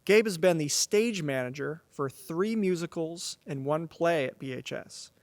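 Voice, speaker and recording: Male announcer for a school knighting ceremony, moderately high pitch, formal reading, dry podium-mic sound. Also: expressive, a little slow, no echo. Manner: formal, addresses the audience as ladies and gentlemen. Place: stage of a large auditorium. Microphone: podium microphone.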